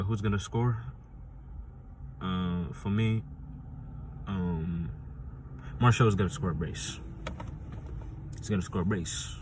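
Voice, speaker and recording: Deep-voiced man rambling through his picks. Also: noisy background. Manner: rambling, frequent restarts and fillers; insistent, repeats points for emphasis. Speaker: football fan channel host. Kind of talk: casual fan prediction vlog.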